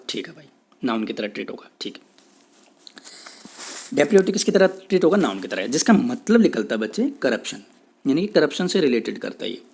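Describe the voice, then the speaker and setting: Man teaching vocabulary, slow-spelled definitions. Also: on the high side, darkish tone. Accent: Indian English. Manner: repetitive, checks in with "theek hai", says English definitions slowly. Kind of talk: Hindi-English classroom lecture.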